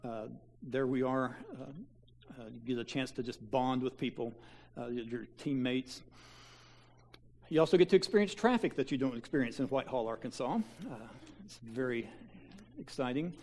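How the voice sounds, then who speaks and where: In a church sanctuary, a pastor from Kansas gives a homespun slideshow talk about a mission trip, often pausing, restarting and using fillers. He has a mid-range, darkish voice and a moderate pace.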